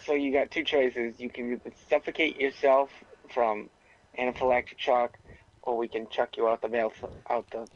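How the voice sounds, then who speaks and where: A man's voice: mid-range voice, level tone, normal speed, dull audio. A man co-hosting a game live stream, joking and teasing in casual chat.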